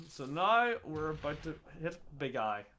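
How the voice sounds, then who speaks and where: A man's voice: fairly high pitch, very animated, measured pace, pushed and bright, slight background noise. A man giving casual let's-play commentary, chatty and self-mocking. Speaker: gaming channel host.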